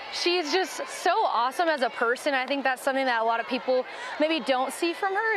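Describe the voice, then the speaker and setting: A high-voiced young woman chats through a body mic during a live game, a little out of breath between plays. She sounds bubbly and upbeat, and there is steady outdoor noise around her. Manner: bubbly, upbeat, cheers teammates mid-play. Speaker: softball player mic'd up in the field. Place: outdoor softball field. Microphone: wireless body mic. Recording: noisy outdoor ballpark mic.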